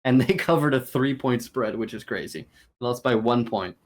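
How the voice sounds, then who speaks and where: Excitable male podcast host, mid pitch, casual banter, laughs a lot. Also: normal speed. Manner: excitable, laughs often, hypes his picks. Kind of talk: casual sports chat.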